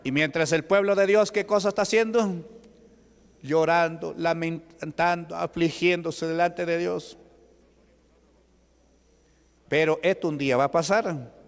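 A man's voice: fairly high pitch, fairly even intonation, normal speed, clear, resonant tone. A male pastor preaching a Pentecostal sermon in a church hall, asking the congregation questions. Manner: asks the congregation rhetorical questions. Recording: echoey church hall with long reverb.

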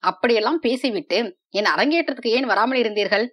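A woman voicing a proud, wounded young female dancer in a storybook reading, with measured delivery. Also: on the high side, animated, a bit bright. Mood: bitter.

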